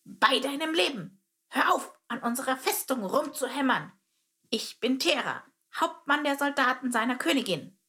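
A woman's voice: sits high, lively intonation, moderate pace, pushed and bright, voice pushed up. A woman plays a stern male termite captain in a storybook reading, with a metallic, clipped voice. He barks out short military phrases, raised and a bit strained. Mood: gruff. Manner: curt, clipped military commands.

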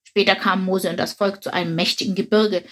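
A woman doing a proud, grumpy old male dung beetle from a storybook, who speaks gruffly but patiently explains things. The voice stays close to her own middle pitch, with a soft, breathy edge. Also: fairly even intonation, fast. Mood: explaining. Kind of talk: storybook reading.

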